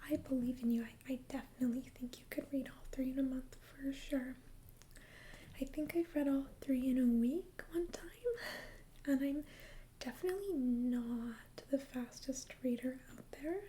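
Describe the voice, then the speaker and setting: A woman does a whispered role-play as a friendly librarian in a breathy, high library whisper. Her delivery is gentle and chatty with a mellow tone. Faint ambient noise sits behind her. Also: moderate pace. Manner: gentle, hesitant, conversational. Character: friendly, chatty female librarian recommending books. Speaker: ASMR role-player as librarian.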